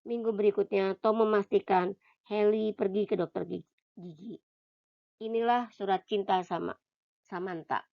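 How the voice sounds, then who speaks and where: A woman reading a self-help audiobook aloud in a calm, measured way, dropping soft and quiet on short one-line phrases. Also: medium pitch, gravelly, dull audio. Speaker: audiobook reader.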